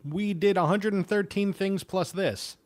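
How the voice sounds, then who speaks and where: A man's voice: high-pitched, unhurried, dry recording. A man co-hosting a livestream in casual chat, making dry wisecracking corrections. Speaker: co-host.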